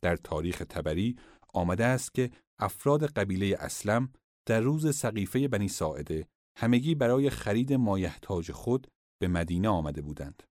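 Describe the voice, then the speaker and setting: A man giving formal, measured scripted narration of religious history. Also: lowish voice, darkish tone, no echo, studio quality.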